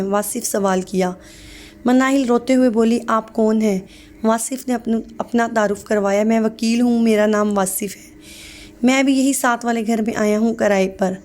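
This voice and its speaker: A woman's voice: a little high, darkish tone, a little hiss or hum. A woman reading a sad story aloud as scripted narration, voicing every part in one plain voice.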